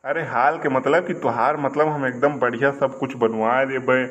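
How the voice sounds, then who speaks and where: Pleading man in a comedy sketch, mid-pitched voice, lo-fi sound. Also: normal speed, slight background noise. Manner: pleading, wheedling, excitable. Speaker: comic village election candidate. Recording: lo-fi recording.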